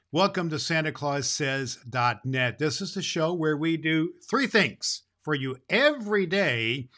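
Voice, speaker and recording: A man's voice: fairly high pitch, sharp tone, heavily acted. A man voicing a jolly, loving Santa Claus, hosting a children's show in a folksy, repetitive, theatrical way. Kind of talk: theatrical storybook podcast hosting.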